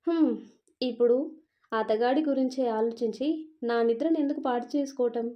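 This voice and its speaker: A woman's voice: on the high side, moderate pace, close to an everyday voice. A woman voicing a cheeky, quarrelsome young bride in a storybook reading. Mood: musing. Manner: sassy, retorting. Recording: dull lo-fi recording.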